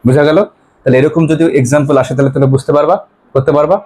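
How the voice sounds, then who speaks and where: A male teacher from West Bengal, India, leads an English grammar lesson, asking his pupils questions and repeating their answers. His voice is fairly high, steady, and warm, and he reads the English examples slowly.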